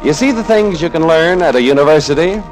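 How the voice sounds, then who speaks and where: A man's voice: a little high, lively intonation, quick pace, music in the background, lightly acted, poor audio. An actor playing a wisecracking middle-aged male journalism professor with a dry, sardonic manner, in 1940s radio acting style. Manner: sardonic, quippy. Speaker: narrator and lead.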